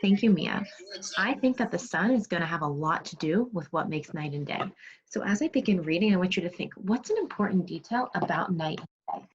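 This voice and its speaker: Speaking briskly and with animation in a voice on the low side, a woman teaches second grade through a remote video class. She reads aloud interactively, handing out instructions, questions, and praise, and the video call sound is dull and lo-fi.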